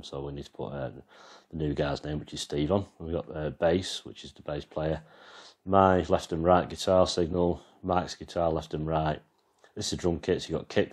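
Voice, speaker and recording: A very deep-voiced English man talks through his band's live mixer in a loose, rambling way, pointing things out as he films it freehand. His voice sits extremely low and comes from a handheld camera. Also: a little mellow. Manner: rambling, explains as he goes. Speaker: vlogger and band musician. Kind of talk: casual walkthrough demo.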